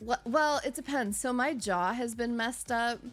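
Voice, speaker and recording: A woman's voice: a little high, normal speed, fairly bright tone. A young woman hosting a live stream, chatting casually and swearing now and then. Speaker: streamer host.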